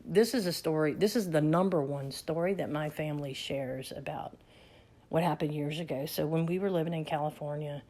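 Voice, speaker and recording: With a low, dark-toned voice and a brisk pace, this middle-aged vlogger recounts family stories from her life. She's chatty and salty in her casual storytelling, laughing as she talks.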